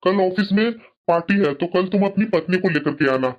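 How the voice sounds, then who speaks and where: A woman putting on a deep-voiced bossy office boss. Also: fairly quick, close to an everyday voice. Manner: commanding, casual. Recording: dull lo-fi sound, off-mic.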